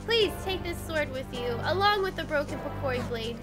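A woman's voice: high voice, expressive, normal speed, over loud music. A woman voicing a grave, earnest old king in a fantasy video game.

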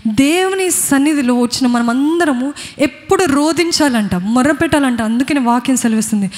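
A woman's voice: sits high, lively intonation, moderate pace, a little mellow. A woman with a Telugu accent preaching a sermon, earnestly questioning her congregation. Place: church. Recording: long hall reverb.

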